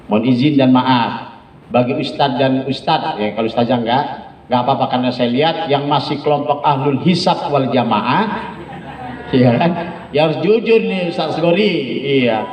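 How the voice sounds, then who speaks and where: Man lecturing in an echoey room. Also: a little high. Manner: joking, often asks listeners "ya kan?". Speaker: Islamic teacher trainer. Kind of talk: lecture to Quran teachers. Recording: echoey room, distant dull mic.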